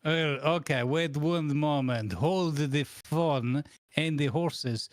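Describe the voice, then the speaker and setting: A man playing a deadpan, bossy boss who interviews absurd job candidates in a mock-formal, deliberate way on an improvised comedy stream. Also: a little high, dry recording, clean studio sound. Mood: mock-formal, patient. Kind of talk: improvised comedy role-play.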